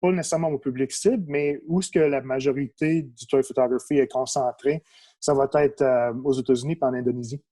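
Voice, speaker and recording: Speaking a little fast in a mid-range voice, a young adult man with a Québécois accent chats as a podcast guest. He's from Quebec, a native English speaker, and works as a toy photographer. The casual conversation is relaxed and full of fillers and restarts.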